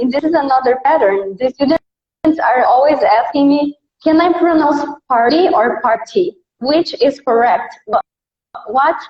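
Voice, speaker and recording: A Brazilian English teacher, appearing as a guest in a casual interview chat, speaks in a high voice with a Brazilian Portuguese accent. She is relaxed and easygoing, often leaning on fillers like "like" and "uh", and the sound is roomy and a little dull.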